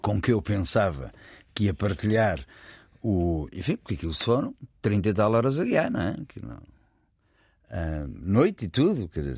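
In a lowish voice with a darkish tone and a breathy edge, a guest storyteller with a European Portuguese accent shares a story conversationally. He rambles, corrects himself, and chuckles while telling it. The recording is dry.

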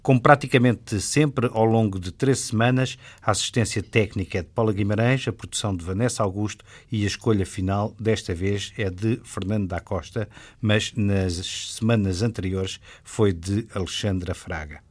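A man's voice: fairly low pitch, normal speed. A man with a European Portuguese accent hosting a radio interview, asking his questions hesitantly with many fillers and repeated words.

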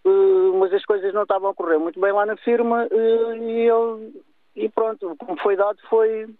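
Man, european portuguese accent, radio caller, indignant and hesitant, high voice, tinny phone line. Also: steady tone, moderate pace, no echo. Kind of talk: radio call-in complaint.

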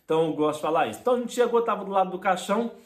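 Brazilian man, high voice, animated stand-up storyteller. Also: rapid-fire. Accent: Brazilian Portuguese. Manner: animated, mimics his mother and friends in high voices. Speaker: comedian.

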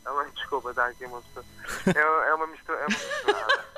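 Calling in remotely to a live radio show, a musician chats in a relaxed way, often pausing on fillers and restarting. He has a higher-pitched voice, a Porto accent with some Brazilian expressions, and poor audio with soft music behind.

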